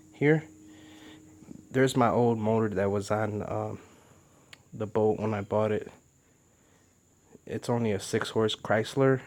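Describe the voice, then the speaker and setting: A man casually talking through a boat-building project step by step, chatty and relaxed, with plenty of fillers. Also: lowish voice. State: a little out of breath. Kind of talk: casual how-to narration.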